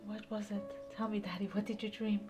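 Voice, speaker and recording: Middle-aged mom for family drama female actor: medium-pitched, weary, evasive, gently firm delivery. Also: level tone, brisk, over music, lightly acted. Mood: weary, gentle. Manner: placating, firm, dismissive. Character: weary, evasive, stubborn mother of a grown son. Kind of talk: naturalistic film drama dialogue.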